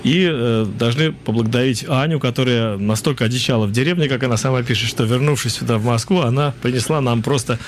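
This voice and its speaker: A man's voice: mid-range voice, fast talker, few pauses, a little hiss or hum. A man hosting a live radio show in casual chat, with playfully courtly, hesitant phrasing. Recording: music playing behind the voice. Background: music.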